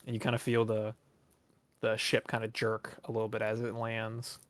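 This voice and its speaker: A man working as game master, narrating a tabletop game in a halting, informal, improvised way. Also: on the low side, completely flat delivery, dry recording, studio quality.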